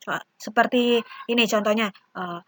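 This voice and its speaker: A woman's voice: a little high, moderate pace, no room sound. A young woman teacher with an Indonesian accent, patiently explaining a lesson to young children and acting out short example dialogues.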